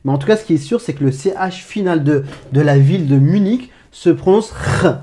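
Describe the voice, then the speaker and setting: A man's voice: on the high side, mellow, a little hiss or hum. A man teaching the Arabic alphabet in a casual online lesson, speaking informally to the viewer and often correcting himself. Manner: demonstrates throaty sounds slowly and repeats them.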